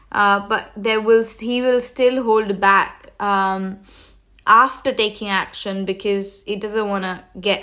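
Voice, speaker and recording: A woman hosts a livestreamed tarot reading at a slow, unhurried pace, rambling, restarting sentences and leaning heavily on fillers. Her mid-range voice has a fairly bright tone, and a cold is starting to catch in it as she comes down with one.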